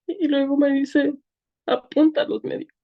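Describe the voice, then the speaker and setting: A woman's voice: medium pitch, moderate pace, gravelly, narrow, tinny audio. A woman with a Mexican accent, an interview guest giving an earnest, emotional personal testimony. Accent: Mexican Spanish. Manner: earnest, tearful at times, many fillers.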